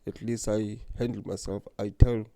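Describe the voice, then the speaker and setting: This young South African channel host stutters through repeated words and blocks as he talks about himself, earnest and in no rush. His voice is on the low side and warm, delivered flatly at normal speed. It's a personal vlog to camera with no echo in the recording.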